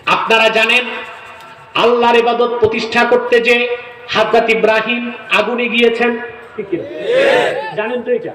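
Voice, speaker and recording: High-pitched man preaching, echoey and distant. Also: little pitch movement, moderate pace, pauses often. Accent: Bangladeshi. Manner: dramatic, rising to shouts and asking the crowd for answers. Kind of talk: open-air sermon. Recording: echoey loudspeaker sound from afar.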